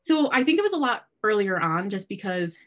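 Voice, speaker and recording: Very animated and brisk, this early-twenties American woman is a guest in an interview, chatting casually about her own life and leaning heavily on "like." Her voice is mid-range and slightly bright.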